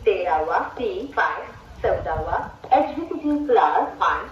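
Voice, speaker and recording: A woman making a formal railway station announcement over an outdoor loudspeaker, reading coach numbers in a slow, measured way. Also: lowish voice, very animated, distant mic, dull audio. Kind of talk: public address train announcement. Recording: echoey loudspeaker heard from afar with crowd.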